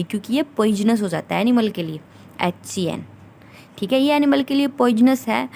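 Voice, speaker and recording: A woman's voice: mid-range voice, gravelly, a little mellow. A woman teaching an agriculture lesson in a recorded lecture, with a mid-range voice. She explains step by step, asks her listeners rhetorical questions and checks that they are following. A faint hiss of noise sits under her voice. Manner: explains with frequent rhetorical questions and "theek hai" check-ins. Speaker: agriculture exam tutor. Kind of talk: recorded lecture in Hindi mixed with English.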